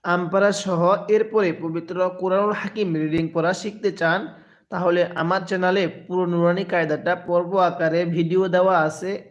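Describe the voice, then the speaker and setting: A man teaching Quran recitation, drawing out each phrase slowly and having listeners repeat after him, then explaining in quick bursts. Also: sits high. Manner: drawn-out slow recitation between quick explanations. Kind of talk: recitation lesson, call and repeat. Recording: muffled lo-fi recording.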